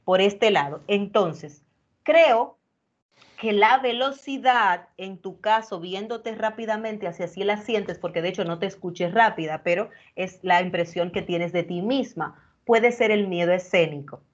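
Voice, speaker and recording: A woman's voice: mid-range voice, measured pace, lo-fi sound. A woman speech coach giving direct, explanatory feedback to a participant in a live online workshop. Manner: explanatory, addresses listener directly, reassuring. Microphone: video call.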